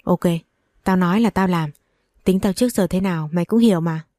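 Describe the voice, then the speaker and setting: A manipulative young woman who turns from biting to pleading, read by a woman narrator. The voice sits low and mellow. The sound is dry and close, like a storybook audio reading. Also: brisk, dry recording, lightly acted. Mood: bitter, scheming.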